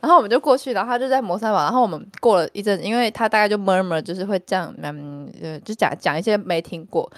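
A woman's voice: medium pitch, fast talker, few pauses, no echo, clean studio sound. A woman, a podcast co-host telling stories eagerly in a casual group chat. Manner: animated, eager storyteller.

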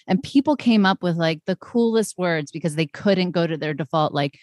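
A woman's voice: fairly low pitch, normal speed, a little mellow, no room sound, clean studio sound. A woman with a Boston accent, chatting informally as a guest on a podcast. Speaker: guest consultant. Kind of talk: casual podcast conversation.

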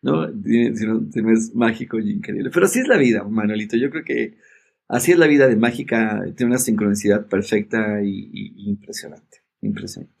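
A middle-aged man, a podcast guest telling a story in a lively way and acting out the voices in it. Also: fairly low pitch, fairly quick, creaky. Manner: animated storyteller, acts out quoted dialogue. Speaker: podcast guest, entrepreneur and speaker. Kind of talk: casual storytelling chat.

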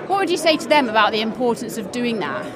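A woman hosts a podcast from a busy meeting, chatting with the people she interviews. She talks in a slightly high voice. A crowd murmurs behind her. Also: expressive, fast. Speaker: podcast host. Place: busy farming union meeting venue.

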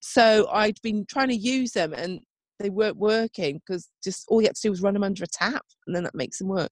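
A woman with a mid-range but wheezy, chesty voice speaks a little fast as she shares a story on a podcast she co-hosts, coughing, laughing and exclaiming "oh my God" often. It's casual chat with a dry, close sound and no room sound.

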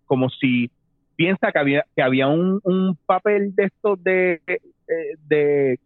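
A man, telling a long personal story in casual talk, animated and mixing in English phrases. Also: fairly high pitch, measured pace, no echo. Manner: animated, mixes English phrases, acts out voices. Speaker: storyteller guest. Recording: tinny phone-like dry sound.

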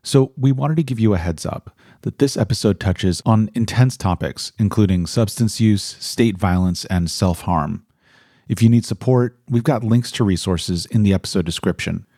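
A man's voice: on the low side, moderate pace, dark tone, no echo, studio quality. A man introducing a series with a serious, careful content warning. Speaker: series host.

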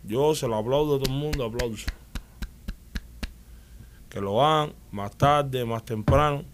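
Against some background noise, a Cuban-accented interview guest with a medium-pitched voice tells stories of his experiences at a measured pace. The conversation is casual, and he's animated, frequently restarting sentences and asking his listeners "¿me entiendes?".

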